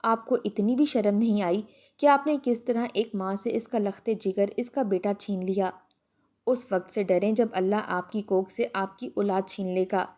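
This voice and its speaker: A woman voicing an outspoken young daughter, indignant and tearful, mellow in tone. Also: mid-range voice, natural voice.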